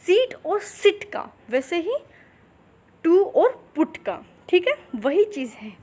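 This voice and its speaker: A high-pitched woman leads a phonetics lesson. She stretches each English example word out slowly and keeps checking that her students follow. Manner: slow, drawn-out demonstration of English words; repeats "theek hai" to check in. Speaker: English pronunciation teacher.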